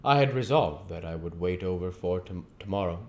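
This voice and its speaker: A low-voiced male narrator reads literary prose aloud in audiobook style, acting as host of the reading. His delivery is animated and moves at a moderate pace.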